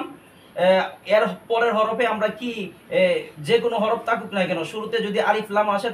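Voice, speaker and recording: A man teaching Quran recitation step by step, explaining each sound and drawing phrases out slowly. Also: sits high, a bit bright, reverberant, recorded from a distance.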